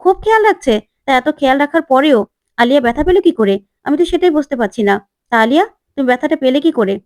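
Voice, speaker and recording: A woman voicing a defiant, sharp-tongued young woman in a retold TV serial, full of challenging questions. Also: sits high, expressive, quick pace, no room sound. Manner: challenging, sarcastic.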